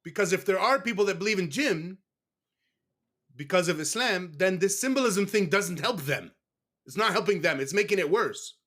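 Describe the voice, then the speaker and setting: Candid rambling man, slightly high voice. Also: expressive, moderate pace, fairly bright tone. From United States. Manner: candid, rambling, self-correcting. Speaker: guest. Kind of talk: casual interview talk.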